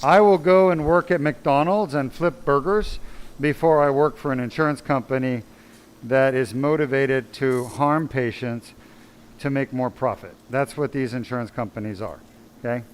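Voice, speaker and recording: A man's voice: mid-range voice, normal speed, clear, resonant tone, low-quality recording. A man, a spine surgeon, giving a blunt, emphatic live question-and-answer talk full of rhetorical questions.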